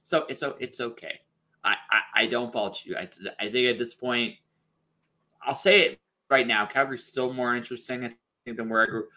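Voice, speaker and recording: His mid-range voice sounds pushed and bright, steady in tone and moderate in pace. The Ontario-born podcast host chats casually over a video call, rambling with frequent restarts and repeated words.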